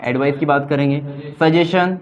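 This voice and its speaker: A man with a high voice teaches an English grammar lesson. He explains in Hindi, reads out English example sentences and keeps quizzing his students. The recording sounds dull and lo-fi. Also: moderate pace, slight background noise. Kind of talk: classroom grammar lecture.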